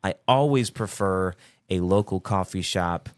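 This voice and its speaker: A man hosting a casual podcast with his brothers, talking in a relaxed, rambling way. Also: deep voice, measured pace, no room sound, clean studio sound. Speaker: podcast host. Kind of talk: casual chat.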